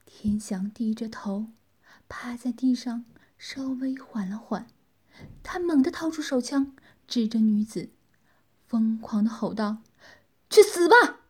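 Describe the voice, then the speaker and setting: A woman narrates a story in a hushed whisper. Her pace is slow, her voice is airy and breathy, and the tone is dark and mellow. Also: a little high.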